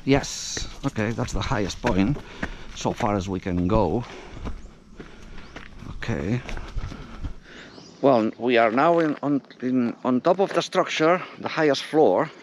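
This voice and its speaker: A man with a medium-pitched voice climbs through an abandoned concrete building outside, giving relaxed running commentary on what he sees. He films it with an action camera, either held or worn, and a little background noise comes through.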